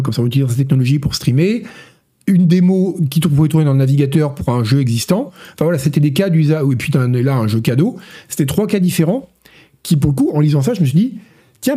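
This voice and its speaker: Hoarse man chatting gaming news. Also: on the high side, mellow. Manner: rambling, joking, many fillers and restarts. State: hoarse from illness. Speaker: host of a gaming news show. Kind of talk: casual live-stream news chat.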